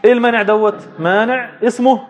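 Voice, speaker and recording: Man, Egyptian Arabic accent, religious teacher, high voice, asks questions and answers them, drags out key words. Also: steady tone, lo-fi sound. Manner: drawn-out words for emphasis. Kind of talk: interactive religious lesson.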